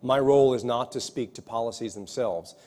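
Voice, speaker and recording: A man's voice: medium pitch, a little fast, dark tone. Earnest man answering lecture questions. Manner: earnest, restarts often, emphatic lists. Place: lecture hall.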